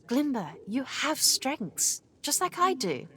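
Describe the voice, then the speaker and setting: A woman's voice: high-pitched, big pitch swings, slow pace, fairly bright tone, full character voice. An actress playing a brave young female mouse scout in a video game, earnest and encouraging.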